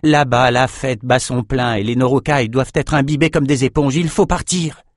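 A man voicing a proud, untamable young warrior woman in an audiobook, brisk and commanding. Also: mid-range voice, fairly even intonation, dry recording, clean studio sound, voice pushed up, close to an everyday voice.

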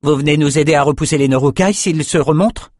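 A man voicing a shy young shepherd boy who worries about his flock, speaking high and strained. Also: fast talker, darkish tone, no echo, studio quality, lightly acted. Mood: eager.

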